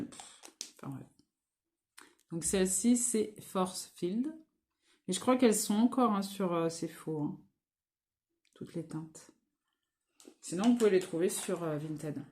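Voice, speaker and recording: A woman talking through her makeup collection at home in an unhurried, casual way. Her voice sits on the low side and she takes her time, pausing and restarting often. She fills the gaps with soft hesitations as she shows each product. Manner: slow, hesitant, with many fillers and restarts. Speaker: beauty vlogger.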